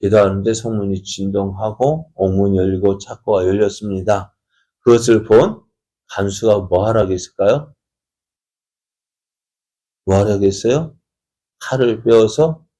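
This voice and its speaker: A man preaches to his congregation in a low, mellow voice. He tells the story vividly, pausing often to ask the listeners questions and briefly voicing the people in it, the way a pastor does at an early-morning service. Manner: acts out the characters' dialogue in changing voices.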